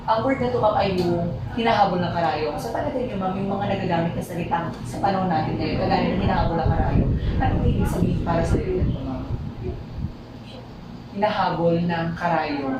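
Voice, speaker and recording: A woman's voice: on the low side, a little fast. A young woman student politely interviewing people, rambling and tacking "ma'am" and "sir" onto nearly every phrase. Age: young adult. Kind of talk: street interview questions. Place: school campus. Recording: echoey, distant mic, loud background noise.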